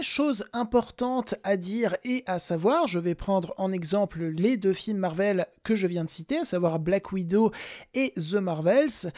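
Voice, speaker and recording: A woman's voice: medium pitch, a little mellow. A young woman hosting a film podcast, talking casually with self-mocking jokes and asides. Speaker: podcast host.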